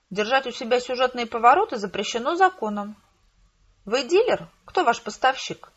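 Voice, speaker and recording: A man's voice: very high-pitched, a bit bright, lo-fi sound, heavily acted. A woman reading an audiobook, voicing a smug, hostile male bureaucrat who speaks coldly and with contempt. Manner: contemptuous, cold and accusing.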